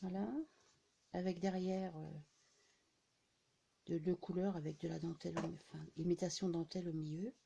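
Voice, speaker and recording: A woman's voice: lowish voice, flat delivery, moderate pace, creaky, long pauses, mellow, a little hiss or hum. A woman casually showing off her craft purchases to her viewers, talking in a chatty way with frequent filler words. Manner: chatty, many fillers and "hein" tags. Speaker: scrapbooking vlogger. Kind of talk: casual haul show-and-tell.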